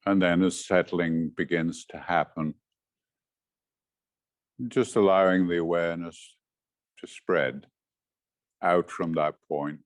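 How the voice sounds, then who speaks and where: Speaking very slowly and gently, a low-voiced male meditation teacher gives short, measured instructions and pauses between them. His tone holds steady, and the audio is dry with no audible room.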